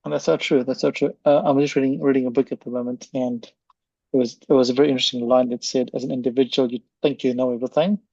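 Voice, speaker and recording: A male podcast host speaks quickly. His voice is relaxed and crackly at the edges. He is effusive, doubling up words for emphasis in casual interview chat, on slightly dull audio. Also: mid-range voice, creaky, no room sound.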